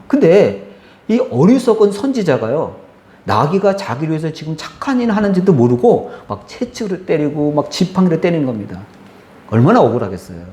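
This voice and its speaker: Male pastor, sermon, animated storytelling, lively rising and falling pitch, echoey church hall. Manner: animated storytelling, acting out voices of the characters.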